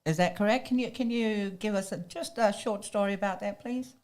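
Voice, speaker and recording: A woman's voice: medium pitch, brisk, darkish tone. A woman hosting an interview, politely prompting her guest with questions. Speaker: host.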